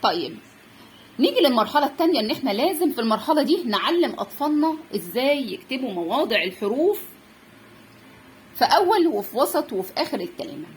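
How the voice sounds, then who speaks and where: A young woman with an Egyptian Arabic accent, teaching the Arabic letters to parents and saying each letter sound slowly and clearly, with frequent check-ins. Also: sits high, sing-song, a little hiss or hum. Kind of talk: Arabic alphabet lesson for parents.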